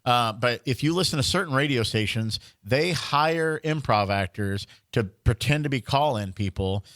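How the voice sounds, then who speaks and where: A man's voice: animated, moderate pace, a bit bright, no room sound. Chatty podcast man, dry sound. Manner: chatty storyteller, slips into a booming radio-DJ voice. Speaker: podcast co-host. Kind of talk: casual comedic chat.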